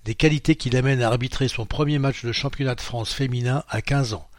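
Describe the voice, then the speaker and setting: Male reader, mid pitch, plain dry studio sound; reads articles aloud, calls out pages and quote marks. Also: fast, dry recording. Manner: reads out quote marks and page numbers, steady informative delivery. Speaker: magazine reader. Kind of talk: read-aloud narration of a printed magazine.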